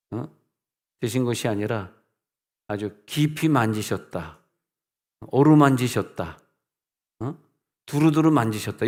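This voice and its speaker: A middle-aged male pastor preaching a sermon, his voice sitting fairly low. He tells stories in a playful way, slips into put-on dialect and breaks into sudden loud outbursts.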